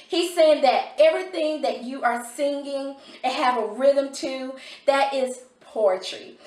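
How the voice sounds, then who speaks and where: Woman, excitable, enthusiastic, casual review vlog, somewhat high voice, echoey room. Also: distant mic. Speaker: homeschooling parent reviewing a curriculum.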